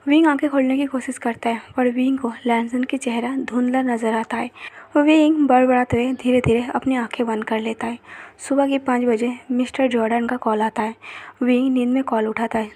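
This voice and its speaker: A woman narrating a fan-fiction story in an even, steady storytelling manner. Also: fairly high pitch, normal speed. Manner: even storytelling read-through.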